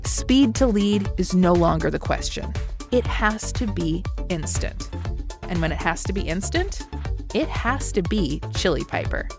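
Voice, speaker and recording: A woman's voice: on the low side, animated, a little slow, gravelly, over music. A woman reading a scripted ad in short, punchy, emphatic slogans. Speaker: ad announcer. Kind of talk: scripted ad read.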